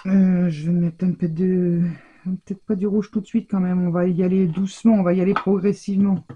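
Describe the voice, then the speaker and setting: A woman talks through a home scrapbooking tutorial, hesitant and chatty, stumbling over English words. Her voice is dark and husky with some gravel, and the recording sounds a little dull. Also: on the low side, flat delivery, brisk. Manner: chatty, hesitant, many fillers and restarts. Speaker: scrapbooking crafter demonstrating. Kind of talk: casual craft tutorial.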